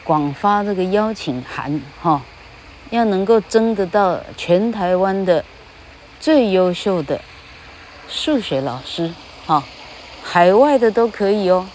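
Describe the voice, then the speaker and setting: A woman's voice: mid-range voice, lively intonation, takes it slowly, a little mellow, a little hiss or hum. An older woman, a retired English teacher giving a casual spoken monologue, speaking of herself in the third person and tagging her phrases with little "ha" sounds.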